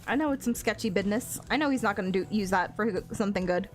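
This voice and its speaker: A woman's voice: medium pitch, fast. A woman chatting casually with viewers on a game livestream in a cute, bubbly anime-streamer manner. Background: video game music.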